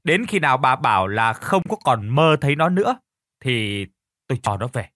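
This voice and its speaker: A gruff old farmer husband grumbles and scolds, his voice rising and falling with exasperation. A man acts him out in a dry, close recording. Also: mid-range voice, very animated, normal speed, fairly bright tone, dry recording. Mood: placating. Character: gruff older farmer husband, irritable but softening.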